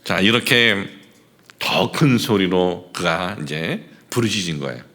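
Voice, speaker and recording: A man's voice: low voice, animated, a little slow, sharp tone. A man preaching a sermon as a pastor, emphatic and full of rhetorical questions put to the congregation. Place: church sanctuary.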